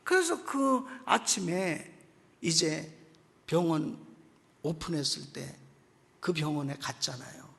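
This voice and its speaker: A man preaching as guest pastor at a revival meeting, telling a story in an animated way and acting out its people, at times bursting into loud exclamations. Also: a little high, slow pace, creaky, long pauses. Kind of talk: sermon storytelling. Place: church sanctuary. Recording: echoey church hall.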